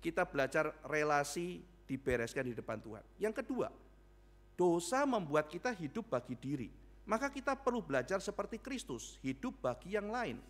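A man's voice: fairly high pitch, normal speed. A male pastor preaching a sermon in church, telling stories and acting out both sides of the dialogue. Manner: animated storytelling with acted dialogue. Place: church sanctuary.

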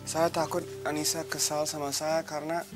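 A man's voice: on the high side, level tone, moderate pace, close to an everyday voice. A man playing a foreign visitor who speaks politely and formally, often repeating the listener's name. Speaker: American visitor in the village. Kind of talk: soap opera acting. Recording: soft music behind.

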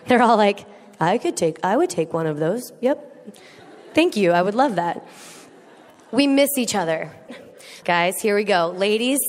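A woman giving a comedic talk to a live audience, animated and teasing, acting out quoted voices. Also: mid-range voice. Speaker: speaker. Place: large hall with an audience. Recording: echoey hall with faint noise.

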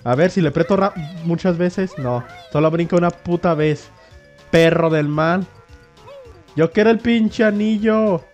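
A young man with a Mexican accent giving casual let's play commentary, excitable and swearing as he reads game text aloud. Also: a little high, lo-fi sound. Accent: Mexican Spanish. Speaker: gamer.

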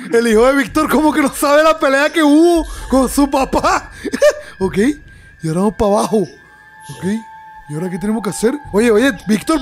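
A young man giving excitable let's-play commentary to his audience, laughing often and yelping at scares. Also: very high voice, a little hiss or hum. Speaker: gaming YouTuber.

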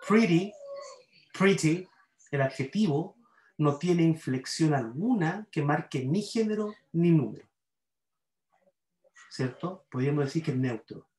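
A man's voice: on the high side, lively intonation, a little slow, pauses often, darkish tone, roomy sound, rough recording. A man with a Chilean accent teaching a university grammar class online. He explains by repeating examples and checks in with his students. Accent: Chilean Spanish.

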